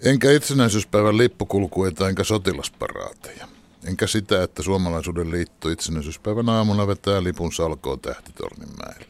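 Middle-aged male radio host, low voice, varied pitch, measured wry read. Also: lively intonation.

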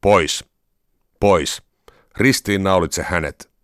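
A man's voice: low-pitched, fairly bright tone, no echo, clean studio sound. A man voicing an angry crowd in a scripture reading, raised and insistent. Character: angry shouting crowd of men.

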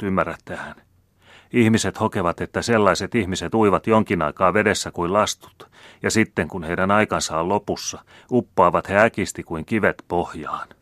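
A man's voice: deep voice, a bit bright, dry recording, clean studio sound. A man reading the part of a frightened young male servant who rambles and jumbles his words. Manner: rambling, jittery.

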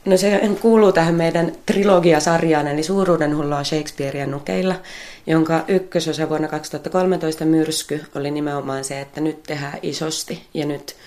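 A woman's voice: deep voice, gravelly, a little mellow. A woman who works as a puppet theatre artist, answering interview questions while thinking aloud, restarting and repeating words.

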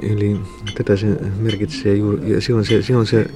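A man reflecting in a measured, thoughtful way, pausing often. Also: fairly low pitch, level tone, over music. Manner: measured, thoughtful, many pauses and fillers. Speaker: interviewee. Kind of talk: slow reflective talk.

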